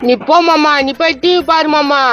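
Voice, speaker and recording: A woman dubbing a hot-headed husband who faked madness, shouting and scolding in a comic fan dub. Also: high-pitched, steady tone, normal speed, faint music behind. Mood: bickering.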